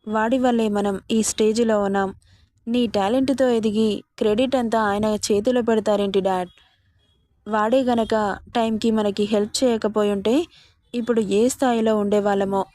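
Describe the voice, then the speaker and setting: A woman's voice: mid-range voice, fairly even intonation, normal speed, mellow, no echo, studio quality, lightly acted. A woman voicing a rude, dismissive young adult son in a storybook reading, speaking bluntly and with scorn. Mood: scornful.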